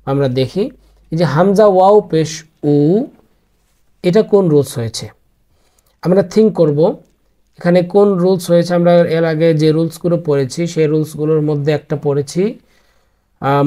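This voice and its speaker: Patient teacher with a mellow voice. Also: male voice, a little high. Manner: patient, repeats each rule slowly, mixes English words into speech. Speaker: Quran reading teacher. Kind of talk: online class explaining spelling rules.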